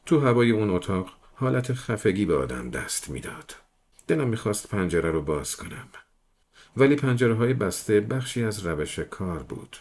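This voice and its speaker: A man reading a novel aloud in measured first-person storytelling. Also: lowish voice, very animated, darkish tone. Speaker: audiobook reader.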